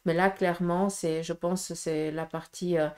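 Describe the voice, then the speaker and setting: A woman's voice: on the low side, flat delivery, normal speed, darkish tone. A Swiss French woman gives a casual tarot reading, speaking straight to her viewers. She is frank and direct, leaning on fillers and asking "okay?" often. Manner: direct, frank, many fillers and tag questions. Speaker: tarot reader.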